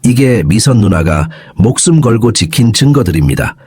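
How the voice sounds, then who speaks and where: Caring, polite uncle in an audio story, read by a man; husky and low. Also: sing-song, normal speed, darkish tone, dry recording, clean studio sound, exaggerated voice.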